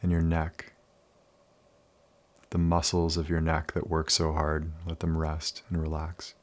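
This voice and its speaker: A man with a very deep voice guides a meditation, speaking calmly and soothingly at an unhurried pace with many pauses.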